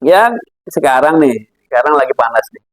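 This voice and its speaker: An Islamic philosophy teacher gives a casual religious lecture filled with anecdotes, chatting, laughing often and acting out characters. His medium-pitched voice is expressive at a normal speed. The recording has no echo but is rough.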